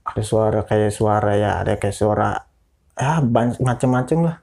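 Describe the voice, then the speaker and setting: A man casually telling a ghost story, animated and acting out other people's lines. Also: on the low side, normal speed, vocal fry. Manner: animated, quotes people in voices. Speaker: guest storyteller.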